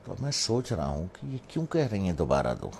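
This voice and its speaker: Middle-aged guy from pakistan telling a family story with a lesson, lowish voice. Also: wildly swooping pitch, darkish tone, a little hiss or hum. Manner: anecdotal, acts out family members' voices. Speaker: religious speaker. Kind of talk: storytelling talk with a moral.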